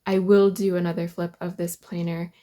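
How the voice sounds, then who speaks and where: A woman's voice: fairly low pitch, little pitch movement, normal speed, warm tone. A woman talking casually to camera about planners, a bit nasal from a head cold, hesitant with many ums. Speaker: planner vlogger. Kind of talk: casual vlog talk.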